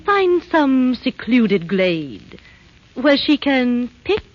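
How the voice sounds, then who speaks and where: A woman voicing a cold, imperious evil queen in an old animated film, commanding and menacing. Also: high voice, drawn-out words, heavily acted. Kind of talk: 1930s animated film acting. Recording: dull vintage film soundtrack.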